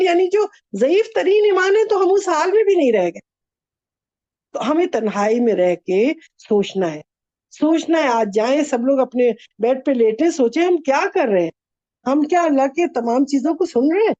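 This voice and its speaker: A woman with a high, mellow voice gives an earnest religious talk, asking her listeners one rhetorical question after another. She mixes English words into her speech. The recording is dull and lo-fi. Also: no room sound. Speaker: religious speaker.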